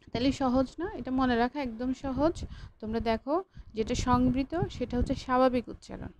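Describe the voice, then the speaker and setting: A woman's voice: a little high, darkish tone, a little hiss or hum. A female college lecturer giving an online class, patient and repetitive, stopping to correct her own slips.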